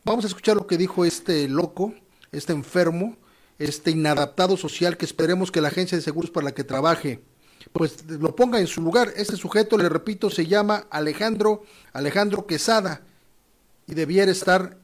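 A man's voice: high-pitched, normal speed. A man hosting a news show, commenting indignantly with many fillers. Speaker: news host.

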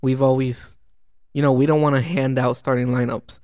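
A man in casual sports chat, talking in a calm, measured way. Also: medium pitch, dry recording, clean studio sound.

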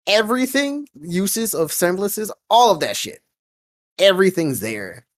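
A man's voice: sits high, very animated, a little slow, no echo, studio quality. A young man chatting casually as an enthusiastic fan, emphatic and swearing heavily. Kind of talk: casual group chat about anime and games.

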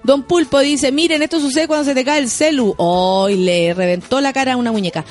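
A woman's voice: high voice, fairly quick. A woman with a Chilean accent hosting a casual morning radio show, chatty and playful, reading out listener messages and laughing often. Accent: Chilean Spanish. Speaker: radio host.

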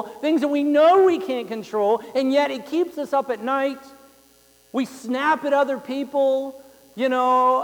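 A young man preaching from the pulpit, his voice set unusually high and carrying long reverb through a large church hall. He wanders through homely stories, stumbling over repeated words and scattering fillers as he goes, in a loose, conversational sermon style. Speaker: pastor.

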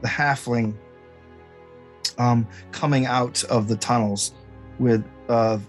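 A man acting as game master, improvising narration for a tabletop game in a halting way. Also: medium pitch, steady tone, soft background music.

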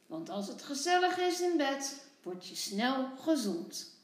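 A woman's voice: high-pitched, big pitch swings, slow pace, roomy sound, exaggerated voice. Tommy, a woman doing a cheerful boy doctor. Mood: playful. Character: young boy playing doctor, cheerful and reassuring.

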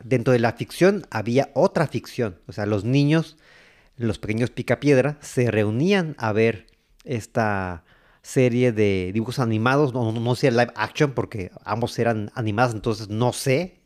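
A man with a Mexican accent giving casual, rambling commentary, halting and repeating words. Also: medium pitch, a little mellow. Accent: Mexican Spanish. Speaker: host. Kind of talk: casual commentary on old cartoons.

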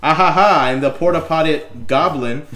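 A man's voice: fairly high pitch, moderate pace. A man voicing a menacing, theatrical goblin with a pirate-like Irish accent in a comic read-aloud. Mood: gleeful menace. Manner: loud, theatrical, gleefully threatening. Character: menacing male porta-potty goblin with swashbuckling menace. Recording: roomy, echoing sound.

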